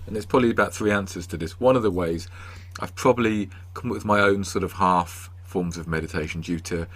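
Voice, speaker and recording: English man, bright low voice. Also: brisk. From England. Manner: self-deprecating, dry humor. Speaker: podcast co-host. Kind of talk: casual podcast chat.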